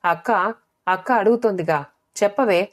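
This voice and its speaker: A woman's voice: moderate pace, natural voice. A woman voicing a scolding, fretful mother. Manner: scolding, shrill when angry. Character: worried scolding middle-aged mother.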